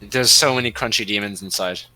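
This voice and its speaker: A man playing an adventurer in a tabletop game, coaxing a dim troll in loud, simplified words. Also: fairly low pitch, a little fast, faint music behind, rough recording. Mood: coaxing, urgent. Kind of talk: tabletop role-play.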